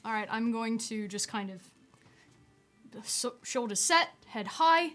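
A woman's voice: on the high side, expressive, measured pace, fairly bright tone, faint music behind. A woman playing a tabletop game, playful and self-mocking as she describes her character. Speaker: player.

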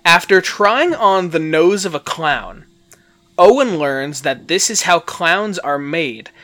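Bright-voiced man reading summaries aloud. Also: a little high, animated, slow. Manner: amused, reads aloud with joking asides. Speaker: podcast co-host. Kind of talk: casual podcast chat, reading episode summaries.

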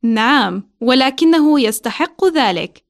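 A woman with a fairly high voice co-hosts a language lesson. She is a native Arabic speaker and talks in the manner of a teaching podcast. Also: lively intonation, fast talker. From Syria. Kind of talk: scripted language lesson dialogue and chat.

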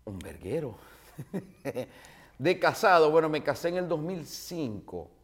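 A man's voice: on the high side, slow, slightly rough. A man in his forties with a Maracaibo Venezuelan Spanish accent, a guest telling anecdotes in a casual interview with plenty of fillers and jokes. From Zulia, Venezuela. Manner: animated, jokey anecdotes with many fillers.

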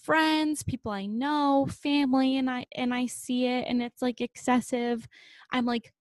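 A young woman co-hosting a podcast, chatting in a relaxed, wandering way with fillers and casual swearing. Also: sits high, unhurried, no echo, studio quality. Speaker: podcast co-host. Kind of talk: casual chat.

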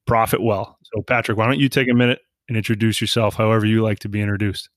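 Low-voiced podcast host, dry sound. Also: male voice, little pitch movement, quick pace, no echo. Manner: loose, casual questioning. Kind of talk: interviewing.

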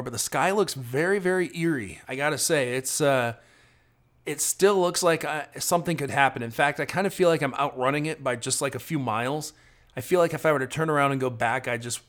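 A man's voice: medium pitch, a bit bright. A man giving a rambling, chatty running commentary from inside his van while he drives, recorded on a phone video from a phone mounted on the dashboard. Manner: chatty and rambling, thinking aloud with many restarts. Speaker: road-trip vlogger.

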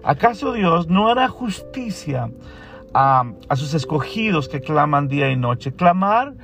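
A man's voice: fairly high pitch, vocal fry. A man in his forties with a Mexican Spanish accent, preaching an emphatic radio sermon that repeats phrases and puts direct questions to the listeners. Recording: faint music behind the voice.

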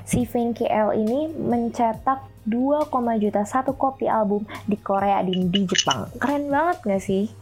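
A woman's voice: on the high side, moderate pace, darkish tone, breathy edge, faint music behind, low-quality recording. A young woman hosting like a DJ, chatting informally in slang and addressing listeners as friends. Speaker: radio-style host and DJ. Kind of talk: casual chat presenting pop music trivia.

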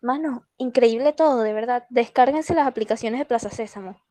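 Young venezuelan woman, high voice, slangy self-mocking podcast chat, dry close sound. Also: fairly quick, dark tone, dry recording. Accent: Venezuelan Spanish. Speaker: podcast co-host. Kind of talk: casual chat.

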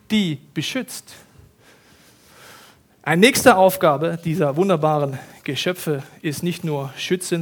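High-voiced man preaching with dramatic rises. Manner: lively, dramatic, acts out quotes with sudden loud rises; casual slangy preaching, talks to the congregation directly. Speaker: pastor. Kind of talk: sermon.

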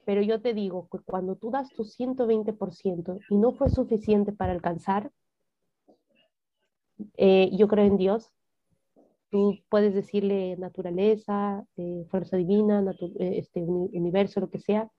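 A woman's voice: mid-range voice, fairly even intonation, measured pace, no room sound, highs cut off. A woman from Peru, a podcast guest telling her personal story earnestly and acting out her past thoughts in quotes.

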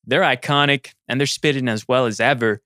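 A man's voice: mid-range voice, brisk, sharp tone, dry recording, clean studio sound. A man co-hosting a casual hip hop album review podcast, hyped and calling out to listeners. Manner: hype, talks to listeners as "people". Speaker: podcast co-host.

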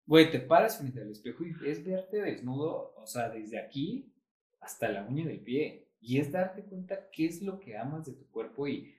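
A man with a Mexican accent chatting casually as a podcast co-host, animated and full of slang. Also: fairly high pitch, moderate pace. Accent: Mexican Spanish. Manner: animated, slangy, acts out quoted voices. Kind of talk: casual chat. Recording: roomy echo.

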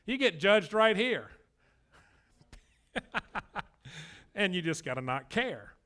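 A man's voice: high voice, big pitch swings, slow pace, bright, forceful tone. A man, preaching a sermon as pastor in a folksy, joking, emphatic way.

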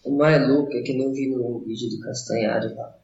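A man's voice: mid-range voice, steady tone, a little fast, creaky, a little mellow, a little hiss or hum. A young Brazilian man in a casual, rambling chat, talking in a slangy, meandering stoner style. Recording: roomy echo, slightly dull sound.

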